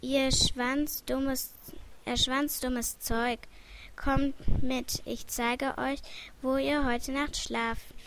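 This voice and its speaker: A woman's voice: high voice, little pitch movement, background noise, exaggerated voice. A woman reading as a stout innkeeper wife. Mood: brisk. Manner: slow, plain read-aloud delivery.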